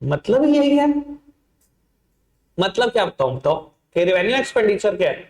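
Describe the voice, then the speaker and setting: Playful high-voiced male accounting teacher. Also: sing-song, normal speed, reverberant. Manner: playful, teasing, talks straight to students. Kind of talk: online class lecture.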